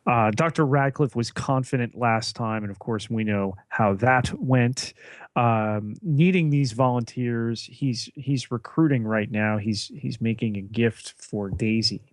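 A man co-hosting a podcast, recapping a TV episode in casual chat, halting with many fillers and restarts. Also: medium pitch, no echo. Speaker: podcast co-host.

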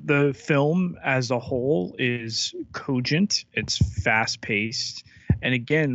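Fast, fired-up man geeking out on film trivia. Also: medium pitch, dry recording, muffled recording. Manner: enthusiastic, detail-heavy, frequent fillers. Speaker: podcast co-host. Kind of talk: casual film review chat.

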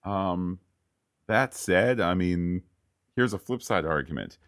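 A man's voice: deep voice, lively intonation, takes it slowly, fairly bright tone. A man co-hosting a podcast, chatting casually and slipping into mock quoted voices. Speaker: podcast co-host.

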